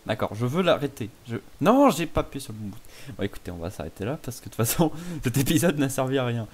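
A gaming YouTuber chats with viewers during a casual let's play, his medium-pitched voice animated and quick. He's playful and pokes fun at himself as he commentates.

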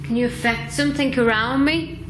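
A woman investigating the paranormal, slowly and deliberately questioning an unseen spirit during a ghost-hunting vigil. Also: fairly high pitch, background noise.

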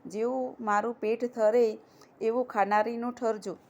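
Woman reading a meek young bride, pleading, slightly high. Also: steady tone, unhurried, a little mellow, highs cut off. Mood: sorrowful. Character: poor mistreated young pregnant bride, humble.

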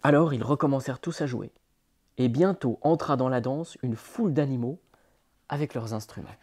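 A man reading picture books aloud for small children, animated and chanting drum sounds and rhymes. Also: medium pitch, normal speed. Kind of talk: read-aloud picture book narration.

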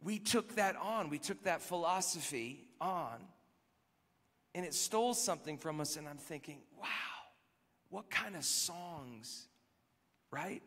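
A man's voice: on the high side, lively intonation, moderate pace, fairly bright tone. A man leading worship, telling a story in a conversational, reflective way, often dropping to a near whisper. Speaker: worship leader. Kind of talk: sermon-style storytelling. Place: live worship gathering. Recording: long reverb in a large hall.

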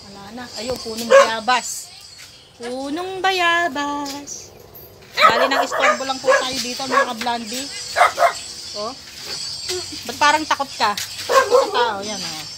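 A woman's voice: sits high, very animated, slow pace, pauses often. Giggly woman vlogging on a farm. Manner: chatty, giggly, addresses viewers as "mga kablandi". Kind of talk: casual selfie vlog tour. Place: outdoors on a rural farm. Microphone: phone at arm's length. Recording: phone recording with outdoor noise.

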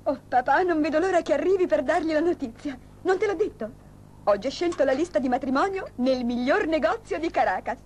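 A woman's voice: high voice, animated, brisk, darkish tone, slight background noise. A woman voicing a spoiled, impatient young woman eager to marry, in a dubbed telenovela. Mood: excited. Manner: impatient, snobbish. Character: spoiled, excitable young bride-to-be. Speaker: daughter.

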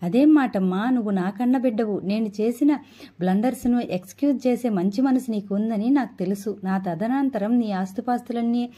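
A woman's voice: fairly high pitch, normal speed, warm tone, lightly acted. A woman reading the lines of a remorseful wealthy older father who pleads with his daughter, in an earnest storybook delivery. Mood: pleading.

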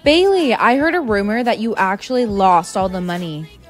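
A woman's voice: mid-range voice, animated, moderate pace, soft background music, close to an everyday voice. A woman voicing a snobby, rude young girl friend in comedy sketches. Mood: snide.

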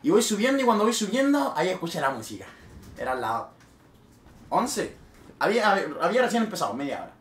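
A young man with a Chilean accent, a streamer telling a party story in casual, swear-laden speech with loud bursts. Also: fairly high pitch, slight background noise. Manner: animated, swears freely, with sudden loud bursts. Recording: roomy echo.

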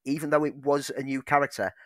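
A man's voice: mid-range voice, flat delivery, quick pace, no echo, studio quality. A man co-hosting a film podcast, reading out news items and then riffing on them with enthusiasm. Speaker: podcast co-host. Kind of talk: casual film chat.

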